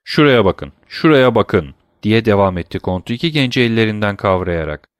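A man's voice: lowish voice, animated, moderate pace, no echo, clean studio sound, lightly acted. A man reading as a cold, scornful count. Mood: sardonic. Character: cold, sardonic aristocratic count, male, scornful of mankind.

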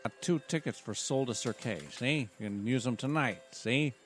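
A man's voice: mid-range voice, moderate pace, soft background music, lightly acted. A man doing a gangster cat hustler, see?. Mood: pushy. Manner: ends every line with a gangster "see?". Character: smooth-talking male gangster cat, pushy tout.

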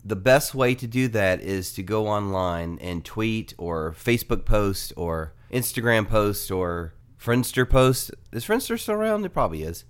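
A man's voice: lowish voice, unhurried, few pauses, clean tone. Nasal, joking podcast host man. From Atlanta area. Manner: joking, conversational, asides. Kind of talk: casual promo read.

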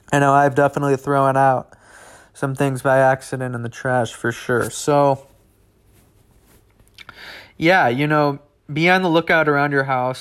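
A man's voice: fairly high pitch, a bit bright. A young man hosting a podcast in a casual, rambling, conversational way, full of asides. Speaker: podcast host. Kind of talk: casual solo podcast talk.

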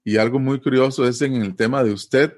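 A man's voice: mid-range voice, steady tone, fairly quick, darkish tone. Costa Rican man explaining conversationally. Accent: Costa Rican Spanish. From Costa Rica. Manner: explanatory, often adds tag questions.

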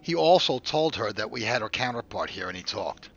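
A hard-pressing male interrogator who commands rather than asks, as a man plays him. His voice carries a gravelly rasp. The recording sounds dull and lo-fi. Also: mid-range voice, expressive, a little fast, a bit bright. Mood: briefing. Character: tough male defense force interrogator. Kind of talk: amateur audio drama acting.

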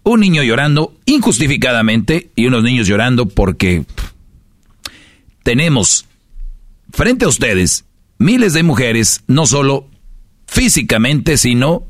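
A man's voice: medium pitch, big pitch swings, a little slow, pauses often, no room sound, studio quality. A man with a Mexican Spanish accent hosting a casual podcast, lecturing his listeners with rhetorical questions. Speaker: podcast host.

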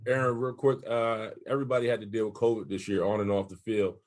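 A man's voice: on the low side, flat delivery, quick pace. A man interviewing an athlete, asking loose, conversational questions with fillers.

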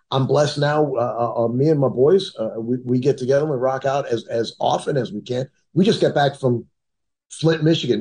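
A man's voice: mid-range voice, warm tone, breathy edge. A middle-aged man from the Cleveland and Detroit area, telling his own story in a casual, rambling way with many restarts.

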